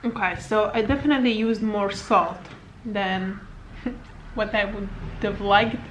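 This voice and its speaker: A woman in her thirties from Slovakia, a native Hungarian speaker with a Hungarian accent, talks at a medium pitch, a little slowly, with fairly even intonation. As a fitness coach she chats casually to camera indoors in her home living room, rambling with fillers and little laughs; the camera sits on a table at arm's length, and the rough recording has a little hiss or hum.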